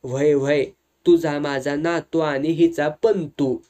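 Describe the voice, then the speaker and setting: A man's voice: fairly high pitch, fairly even intonation, slow, warm tone. Firm, ringing middle-aged village headman, a man doing the part, speech.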